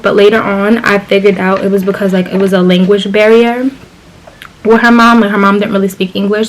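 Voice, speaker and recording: Young woman, storytime vlog, casual, slangy, lots of fillers, mid pitch. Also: slight background noise, low-quality recording. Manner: chatty, filler-heavy, slangy. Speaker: vlogger.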